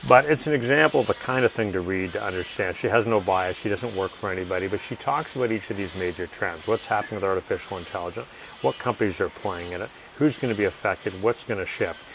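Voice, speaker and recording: A man's voice: on the low side, quick pace, gravelly, fairly bright tone, slight background noise, rough recording. A man being interviewed as an author, speaking confidently and emphatically, repeating his key points. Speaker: author and guest. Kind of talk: conversational interview.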